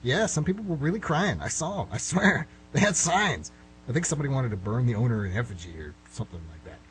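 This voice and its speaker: This man speaks at a medium pitch, lightly acting the part of a nervous, middle-aged character in an amateur radio drama who keeps stopping, correcting himself and rambling in excitable exasperation. Audio quality is poor and a bit rough, with faint background noise.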